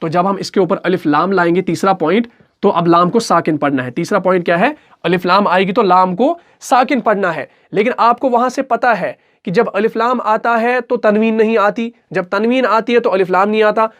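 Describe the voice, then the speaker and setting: A man with a fairly high voice explains recitation rules step by step. He repeats each point patiently and asks his students questions that he then answers himself, like a classroom teacher. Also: moderate pace, fairly bright tone.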